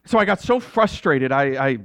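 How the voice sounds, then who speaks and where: A male pastor delivering a dramatic first-person sermon, telling the story in character and swinging between hushed and exasperated. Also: medium pitch, animated, normal speed, dry recording, clean studio sound. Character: the apostle Peter telling his own story.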